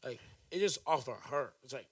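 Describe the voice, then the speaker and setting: A man's voice: medium pitch, expressive, brisk, no room sound, distant mic. A young man from Jamaica co-hosting a podcast, musing in a rambling way with many fillers in casual chat. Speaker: podcast co-host.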